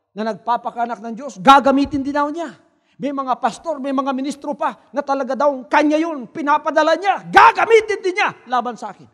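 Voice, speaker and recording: A male pastor preaching a fiery sermon that swings between hushed asides and shouted declarations. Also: very high-pitched. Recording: echoey hall reverb.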